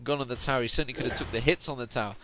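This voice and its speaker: A man's voice: medium pitch, rapid-fire. Sleepy guy casting a game solo, rambly and chatty, keeps fixing what he said, hiss behind him. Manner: rambling, chatty, corrects himself often. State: tired, late at night. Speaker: esports commentator. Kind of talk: solo play-by-play game commentary. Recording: steady noise under the voice.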